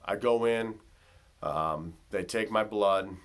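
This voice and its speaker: A man with a fairly low voice recounts his personal story straight to camera. He talks loosely and casually, with plenty of filler words and conversational asides. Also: slow pace, a bit bright. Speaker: vlogger.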